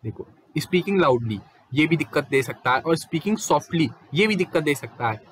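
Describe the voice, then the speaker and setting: A young man giving a casual, fluent lecture as a teacher, explaining quickly and mixing in English terms. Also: on the high side, lively intonation, a little hiss or hum.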